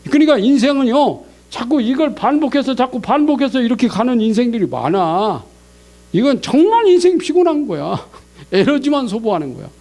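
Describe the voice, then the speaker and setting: Male pastor, Sunday sermon, high and swooping delivery, faint mains hum under the voice. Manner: animated, acts out God's scolding voice.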